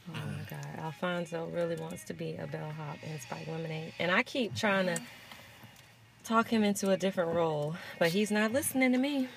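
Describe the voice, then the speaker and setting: Animated woman podcast host, gravelly voice. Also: on the low side, brisk, a little hiss or hum. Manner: animated, bursts into loud laughter. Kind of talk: casual chat.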